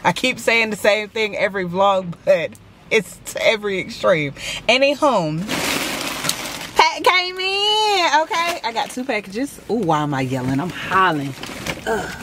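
A woman's voice: mid-range voice, animated, normal speed, noisy background. A woman in her thirties from Georgia, chatting casually and slangily to her viewers while running errands. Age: 30s. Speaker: vlogger. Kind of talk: casual vlog chat. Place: out and about on errands, car and stores.

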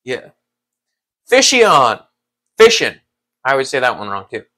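A man hosting a casual livestream who rambles in a relaxed way, laughs often and talks to his chat. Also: mid-range voice, very fast. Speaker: livestream host.

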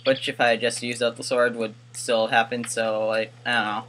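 A man's voice: medium pitch, little pitch movement, normal speed, fairly bright tone, slight background noise. Wry rambling gamer guy. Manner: rambling, self-correcting, wry asides. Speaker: gaming YouTuber. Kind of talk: casual gameplay commentary.

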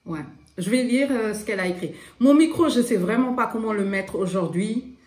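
A woman from Senegal chatting excitedly to viewers in a casual unboxing vlog, dropping in English phrases, with a slight lisp. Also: mid-range voice, moderate pace. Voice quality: slight lisp from dental appliance. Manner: excitable, exclaiming, addresses viewers directly; drops English phrases into speech. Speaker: vlogger showing a gift swap parcel. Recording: roomy echo, faint noise.

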